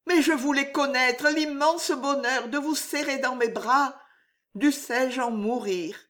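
A woman's voice: high-pitched, slow pace, a bit bright, voice pushed up. Woman reading as pleading young Juliette. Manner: pleading, emotional, breathy at times. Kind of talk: audiobook reading.

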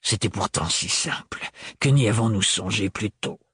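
A man playing a tall cold nobleman in an audiobook, lowering his voice into a hard, clipped delivery. The voice is husky and the recording sits dry and close. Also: level tone, unhurried, no echo, heavily acted. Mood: cold, curt.

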